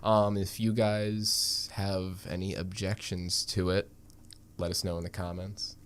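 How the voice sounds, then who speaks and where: A man's voice: low voice, level tone, a little slow, slight background noise. A man co-hosting a podcast in loose, casual chat, swearing and laughing often. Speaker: podcast co-host.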